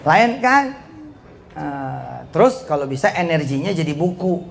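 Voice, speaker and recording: A man giving a joking, animated motivational sermon in casual slang. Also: fairly high pitch, unhurried, creaky, background noise. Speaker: preacher.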